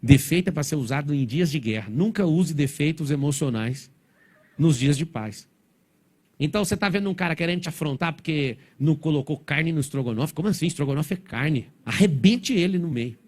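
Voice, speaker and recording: A man giving a motivational stage talk to a live audience, blunt and provocative in a rapid-fire way. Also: fairly high pitch, animated, a little mellow. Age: adult, father of four. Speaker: motivational speaker.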